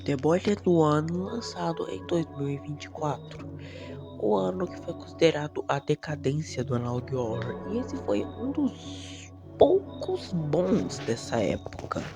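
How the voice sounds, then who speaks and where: Over music, a mid-range voice with vocal fry delivers very animated, unhurried narration. The Brazilian Portuguese speaker hosts a video essay of enthusiastic scripted commentary, dramatic and emphatic, frequently asking rhetorical questions.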